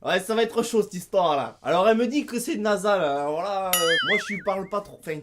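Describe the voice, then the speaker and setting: A man's voice: high-pitched, lively intonation, brisk, loud music behind the voice. A young man from France in a comedic vlog, playfully swearing and trying to imitate an accent. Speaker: YouTuber.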